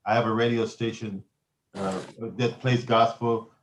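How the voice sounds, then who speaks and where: A man's voice: mid-range voice, flat delivery, unhurried, a little hiss or hum. A man who runs radio stations, talking with emphatic enthusiasm on a podcast. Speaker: radio station owner, guest. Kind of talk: casual podcast chat. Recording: roomy echoey room.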